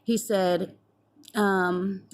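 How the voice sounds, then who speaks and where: A woman's voice: mid-range voice, level tone, drawn-out words. A woman in her twenties telling a personal story to the camera in a chatty, casual way, acting out past conversations and swearing freely. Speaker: vlogger.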